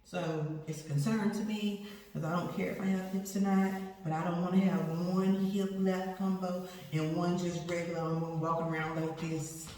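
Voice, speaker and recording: In a casual video diary, a vlogger with an East Texas accent rambles candidly about being sore and swollen after surgery. Her voice sits on the low side with a darkish tone, little pitch movement, and a moderate pace. She's recorded in an echoey indoor room with a door, sounding far from the mic.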